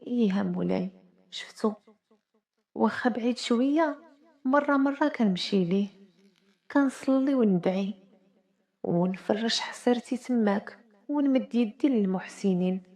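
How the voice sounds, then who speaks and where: A woman with a Moroccan accent voicing a poor, humble widow with seven daughters, speaking meekly and quietly. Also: fairly high pitch, moderate pace, long pauses, close to an everyday voice. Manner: meek, quiet.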